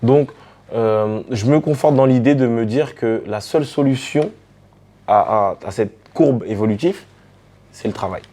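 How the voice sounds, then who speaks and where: A man from the French Caribbean, a DJ and artist telling stories in a relaxed interview, with many fillers and restarts. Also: medium pitch, a little slow. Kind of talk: casual storytelling interview.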